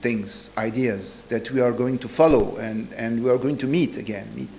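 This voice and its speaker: Guy giving a talk, mid pitched, kind of halting, repeats himself, some noise behind him. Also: darkish tone. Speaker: seminar speaker. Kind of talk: public speech, partly improvised.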